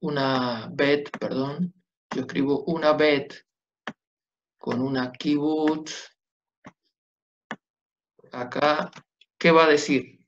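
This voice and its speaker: Profesor pausado, voz algo aguda. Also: male voice, a little high, fairly even intonation, fairly bright tone, slight background noise. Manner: patient, checks understanding with tag questions. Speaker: Biblical Hebrew teacher. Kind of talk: classroom lecture at a whiteboard. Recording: dull lo-fi classroom recording.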